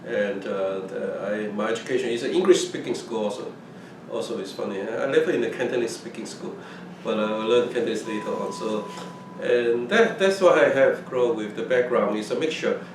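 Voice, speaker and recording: Speaking in a lowish voice, an older Hong Kong man with Fujianese (Minnan) as his first language recalls earlier days for an oral history, his talk halting and full of restarts and repeated words. The recording comes from a really echoey room with the mic far away and faint noise present.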